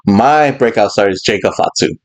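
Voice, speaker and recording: Man, podcast host, low pitch, casual rambling chat, frequent laughs. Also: moderate pace, poor audio.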